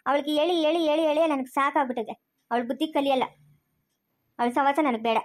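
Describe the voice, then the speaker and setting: High-voiced woman acting a family quarrel. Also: quick pace. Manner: scolding, quarrelsome, switches between characters. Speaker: solo actor playing a whole family. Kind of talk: acted family quarrel drama.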